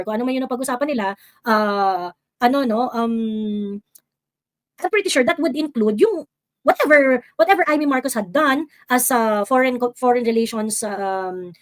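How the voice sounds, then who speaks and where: Woman, Filipino accent, fairly high pitch, live-stream host, casual commentary, code-switching, many fillers. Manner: switches between Tagalog and English, many fillers, rising exasperation.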